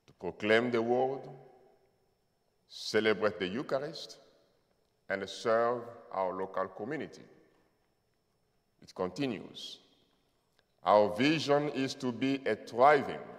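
Congolese-born priest preaching in a reverberant church. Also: male voice, medium pitch, a bit bright. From Democratic Republic of the Congo. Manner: earnest, emphatic, with halting fillers. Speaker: visiting priest. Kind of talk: sermon. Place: large church sanctuary. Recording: long hall reverb.

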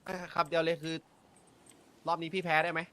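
A man's voice: on the high side, little pitch movement, fairly quick, pushed and bright, clear, resonant tone. A man playing a gang member in a roleplay game, asking his boss questions in a deferential way. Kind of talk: in-character roleplay chat on a game server.

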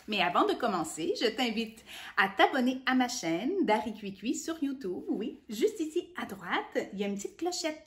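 Woman, Québécois accent, children's story host, sing-song, high and lively voice. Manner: animated, sing-song, addresses the child directly. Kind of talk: reading a storybook aloud to children.

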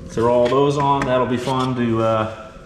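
With a level tone and measured pace, a mid-range male voice explains a hands-on install to camera. He's a mechanic and video host in his thirties, informal and candid, working in a roomy indoor garage. Echo, clear background noise, and clicks fill the recording.

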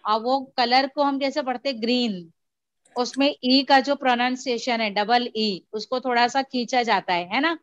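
A woman's voice: fairly high pitch, steady tone, normal speed, few pauses, no echo, lo-fi sound. A woman teacher explaining a story to a class, patiently repeating and mixing in English. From India. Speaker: school teacher.

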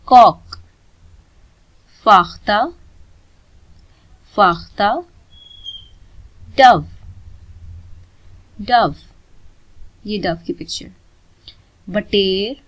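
A woman leads a vocabulary lesson at a very slow, deliberate pace, saying each word twice. Her voice sits at an ordinary middle pitch and grows loud and emphatic on every new word. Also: poor audio. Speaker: vocabulary teacher.

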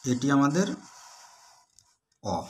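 Measured handwriting teacher. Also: male voice, mid-range voice, big pitch swings, darkish tone, slight background noise. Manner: measured, deliberate, repeatedly points things out to the viewer. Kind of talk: instructional lesson while demonstrating writing.

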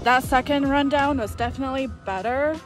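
A young woman talks casually into an action camera as she skis down an outdoor slope. Her voice sits fairly high and she exclaims now and then. Background music plays clearly beneath her. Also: brisk. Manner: chatty, exclaiming, frustrated about rocks. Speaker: ski vlogger. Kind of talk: casual vlog commentary. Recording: music playing under the voice.

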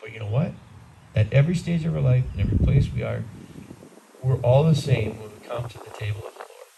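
A man's voice: medium pitch, a little fast, creaky, noisy background. A man in his sixties, a priest with an Upper Midwest American accent, giving a conversational, plain-spoken homily on an outdoor patio, recorded by a far camera. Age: 60s. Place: outdoors on a garden patio under a canopy.

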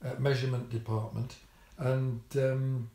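Older man, casual vlog storytelling, dry wry humour, mellow voice, roomy echo. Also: mid-range voice, flat delivery, a little slow. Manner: dry, wry humour with many ums and restarts. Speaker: vlogger. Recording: echoey room.

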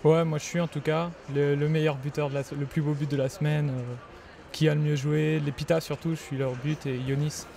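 A man's voice: a little high, little pitch movement, fairly quick, creaky, dark tone. A young male student gives offhand, casual answers in a street interview.

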